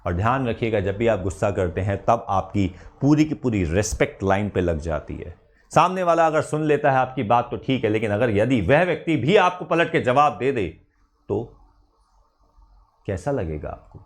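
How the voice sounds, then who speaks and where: A man's voice: on the low side, sing-song, moderate pace. A middle-aged man, a chemistry teacher, giving an emphatic motivational talk to exam students, asking rhetorical questions and slipping English phrases into his speech.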